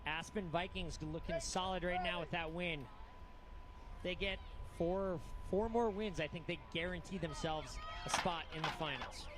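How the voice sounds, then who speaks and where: A man with a notably high voice works as a race caller, following the action as it happens. His live sports commentary comes with audible event noise behind it. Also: normal speed. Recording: clear background noise, outdoor event ambience.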